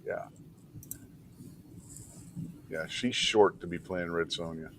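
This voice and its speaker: A man hosting a show with casual film commentary in an animated, sweary, mocking manner. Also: sits low, takes it slowly, background noise. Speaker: show host.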